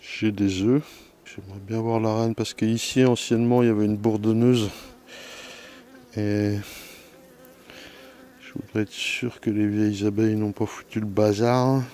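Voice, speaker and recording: A man checking his beehives outdoors, chatting loudly and self-mockingly to a camera mic some distance away, in a joking put-on southern French twang. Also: on the low side, level tone, a little slow, long pauses. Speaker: beekeeper. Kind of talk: casual vlog while working. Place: outdoor apiary among hives. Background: faint buzzing of bees.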